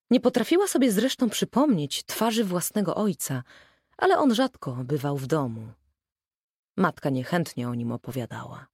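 A woman narrating an audiobook with an expressive reading style. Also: lowish voice, slightly rough, no echo, studio quality.

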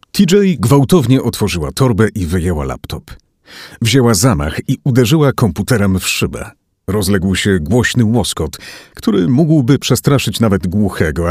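A man reading a thriller audiobook aloud as narrator, in an expressive, dramatic manner. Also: fairly low pitch, breathy edge, dry recording, clean studio sound. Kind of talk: scripted narration.

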